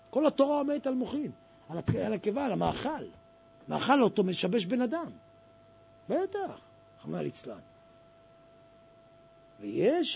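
Fervent high-voiced preacher man, gravelly and husky. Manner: fervent, exhorting, swings from hushed to loud. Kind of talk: sermon. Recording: dull lo-fi recording.

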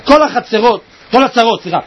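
Husky high-voiced guy preaching, yells and cries then drops real low, big swings. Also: lively intonation, lo-fi sound, a little hiss or hum. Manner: swings from shouting and crying to low murmurs. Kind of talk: impassioned sermon.

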